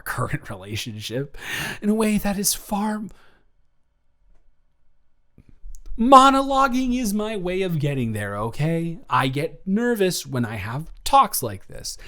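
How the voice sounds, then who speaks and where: In an improvised intimate audio roleplay, a young man plays a nervous, loving college student, his higher, slightly bright voice very animated. He sounds nervous and earnest, rambling in halting bursts full of stammers and restarts.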